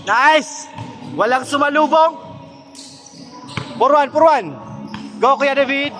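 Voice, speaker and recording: Male cameraman calling a pickup game: very high, unhurried, excited shouts, music behind. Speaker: cameraman doing play-by-play. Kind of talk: casual play-by-play commentary. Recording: music playing under voice.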